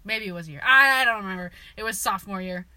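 A woman's voice: mid-range voice, fast, bright, forceful tone, dry recording. A young woman sharing her story hesitantly in a casual chat, with many ums and restarts. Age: young adult. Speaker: guest. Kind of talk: casual chat among friends.

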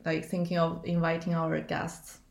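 A woman's voice: low voice, monotone, moderate pace, vocal fry, echoey room. A woman co-hosting a casual podcast, speaking hesitantly with many fillers. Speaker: podcast co-host.

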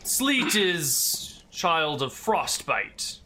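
A man voicing a gruff, slow-witted giant in a tabletop game, with a dopey, halting, grumbling delivery. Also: fairly high pitch, big pitch swings, bright, forceful tone, slight background noise, heavily acted. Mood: grudging, boastful.

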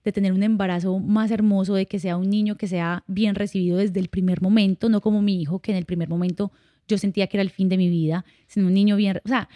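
A young woman shares her life in a relaxed podcast conversation, candid and heartfelt. Her voice is mellow and warm, and the recording is dry and close with no room sound. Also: mid-range voice, quick pace, no room sound. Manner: candid and heartfelt, storytelling with quoted dialogue. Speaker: podcast guest. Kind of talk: casual conversational interview.

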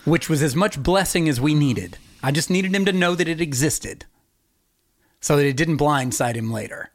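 A man's voice: on the high side, lively intonation, moderate pace, no room sound. A man co-hosting a podcast in casual chat, rambling and laughing often. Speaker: podcast co-host.

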